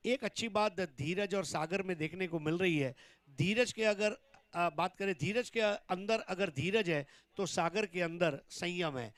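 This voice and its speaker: A man delivers excited cricket commentary as the play-by-play caller. His voice is high-pitched and clear, with very little room sound. He stretches his words out when calling the big shots. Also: a little slow, no echo.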